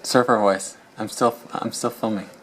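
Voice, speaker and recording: A woman's voice: very deep voice, fairly even intonation, moderate pace. A woman filming behind the scenes, teasing and coaxing the actors. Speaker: film director behind the camera. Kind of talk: casual chat on set. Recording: distant camera mic with noise.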